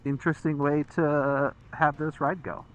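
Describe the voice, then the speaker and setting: A man's voice: a little high, level tone, measured pace, a bit bright, soft background music, low-quality recording. American man chatting casually on a motorcycle. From American Midwest. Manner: rambling, casually profane. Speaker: motorcycle vlogger. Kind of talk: casual chat while riding. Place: outdoors, riding a motorcycle.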